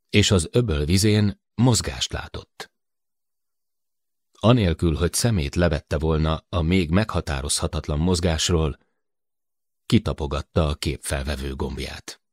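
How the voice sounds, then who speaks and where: Deep-voiced man narrating an audiobook. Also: dry recording, clean studio sound. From Hungary. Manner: measured, even storytelling. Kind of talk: scripted narration.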